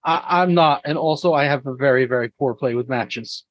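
A man's voice: mid-range voice, brisk, a bit bright. A man playing a tabletop game, casually narrating and voicing what his character does. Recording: dull, slightly roomy sound.

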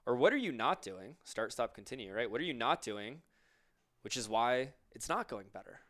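A man's voice: medium pitch, big pitch swings, moderate pace, a bit bright. A man co-hosting a podcast, talking casually and giving reflective, coaching-style advice. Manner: reflective, coaching tone, asks listeners questions. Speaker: podcast co-host.

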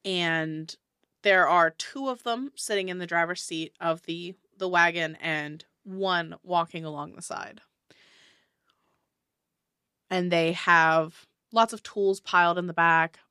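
A woman's voice: on the low side, measured pace, sharp tone, clear, resonant tone, no room sound, studio quality. A woman narrating a tabletop game as game master, casual and hesitant with fillers.

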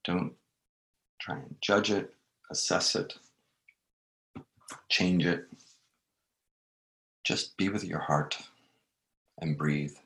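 Slow, deep-voiced man guiding meditation. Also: gravelly. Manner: gentle, unhurried, with long pauses between short phrases. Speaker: meditation guide. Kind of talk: guided meditation.

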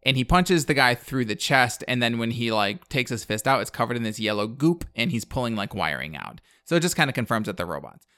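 A man's voice: medium pitch, sing-song, a little fast, hardly any pauses, pushed and bright, dry recording. A man in his thirties hosting a podcast, recapping a film in casual chat, blunt and sarcastic, with plenty of fillers. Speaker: podcast host.

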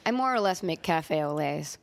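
Co-hosting a casual podcast chat, a young woman with a slight lisp speaks at a moderate pace with dry, self-deprecating humor. Her voice is low and creaky, with lively intonation.

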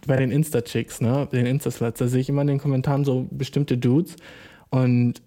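A man's voice: mid-range voice, flat delivery, brisk, mellow. A young man delivering a profane, sarcastic solo comedic rant full of slang, as host.

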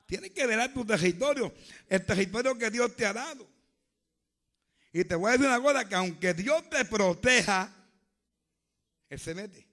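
A man preaching a fervent sermon, swinging from hushed to loud. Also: sits high, animated, moderate pace, long pauses.

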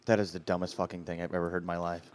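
A man's voice: deep voice, flat delivery, very fast, dry recording. A man co-hosting a casual podcast chat, defensive and swearing a lot. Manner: defensive, profane. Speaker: podcast co-host.

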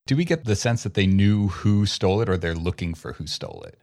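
Low-voiced man rambling through a tabletop game. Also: big pitch swings, brisk, gravelly, darkish tone. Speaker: player. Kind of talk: casual tabletop play.

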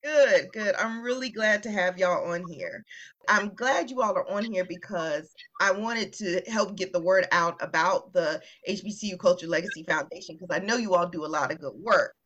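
A woman's voice: lowish voice, normal speed, fairly bright tone, a little hiss or hum. A woman from Virginia hosting a podcast, chatting casually and asking friendly questions. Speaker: podcast host. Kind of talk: casual interview chat. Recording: dull lo-fi audio.

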